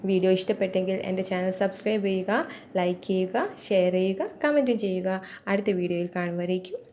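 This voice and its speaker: A woman teaching young children, slowly repeating each word so they can learn it. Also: medium pitch, mellow, slight background noise. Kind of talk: children's vocabulary lesson.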